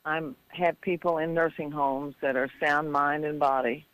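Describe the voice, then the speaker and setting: Eager, higher-voiced male radio caller. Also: flat delivery, measured pace, a bit bright, clean tone, dry recording, poor audio. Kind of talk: call-in talk radio.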